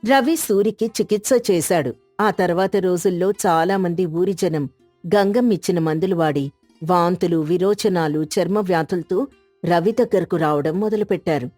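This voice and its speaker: A woman narrates a moral tale in a steady, scripted manner. Her voice is low and warm-toned, dry and close to the mic, with faint music playing underneath. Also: normal speed, no echo.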